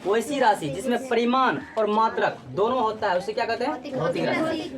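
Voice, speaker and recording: A woman's voice: a little high, fairly quick, a loud crowd. A woman teaching a physics class, drilling students with repeated call-and-response questions. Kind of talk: classroom lecture.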